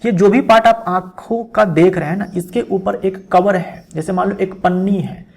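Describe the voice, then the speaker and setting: Male teacher, high voice with lots of gravel, keeps repeating terms. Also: fairly even intonation, normal speed, a little mellow. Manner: repeats key terms, asks and answers his own questions. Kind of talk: exam-prep lecture.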